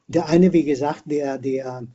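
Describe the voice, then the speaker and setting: Steady in tone and a little slow, this older man's voice sits on the high side and sounds mellow, with the highs cut off in the recording. He's a veterinarian and hunter guesting on a podcast, speaking German as a non-native with a foreign accent, reflecting and repeating words while hunting for the right phrasing.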